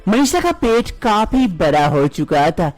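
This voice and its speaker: Woman narrator, cartoon storytelling, lively animated pitch, steady delivery, faint background music. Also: a little slow.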